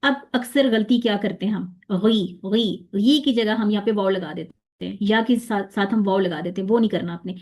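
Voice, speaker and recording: A woman teaching tajweed pronunciation in an online lesson, patiently drilling letter sounds slowly and repeating them. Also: medium pitch, a little mellow.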